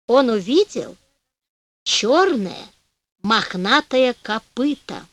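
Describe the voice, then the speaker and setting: Lively woman reading a fairy tale. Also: fairly high pitch, takes it slowly, no echo. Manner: expressive, playful storytelling. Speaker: storyteller.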